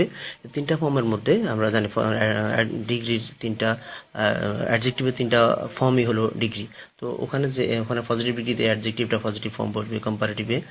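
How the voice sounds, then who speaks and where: A man's voice: medium pitch, slight background noise. A man teaching an English grammar lesson, hesitating often and spelling words out letter by letter. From Bangladesh.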